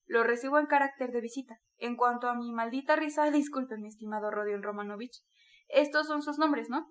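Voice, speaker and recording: A woman's voice: a little high, a little fast, natural voice. A woman reading the lines of a sly, chatty middle-aged male magistrate who keeps pressing in an ingratiating way.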